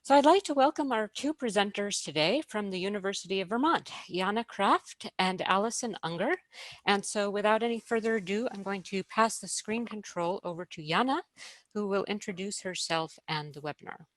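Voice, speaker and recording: A woman hosting a webinar, reading a clear, welcoming introduction of the presenters. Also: medium pitch, moderate pace, no echo. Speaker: webinar host and moderator. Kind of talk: scripted introduction.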